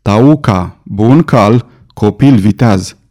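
A man reading an audiobook, voicing a stoic horseman guide who speaks calmly in short, broken phrases. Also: fairly low pitch, lightly acted. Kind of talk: audiobook character voice.

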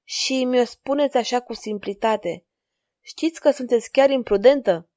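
A woman's voice: fairly high pitch, close to an everyday voice. Woman voicing a flirtatious courtly king. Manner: courtly, flattering. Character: gallant amorous male king, courtly and flirtatious.

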